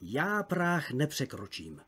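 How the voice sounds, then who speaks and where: A man's voice: fairly high pitch, wildly swooping pitch, slightly rough, heavily acted. An audiobook narrator voicing a cowardly, stubborn French peasant man who refuses to leave his house. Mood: defensive. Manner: stubborn, loud, evasive.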